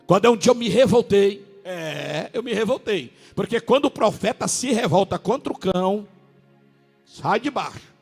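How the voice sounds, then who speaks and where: A man preaching with a northern Brazilian accent, his voice very high and gravelly with a husky edge. He swings from drawn-out words to sudden shouts over faint music in the church. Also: expressive, long reverb tail. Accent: Brazilian Portuguese, northern. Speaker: pastor. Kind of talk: sermon.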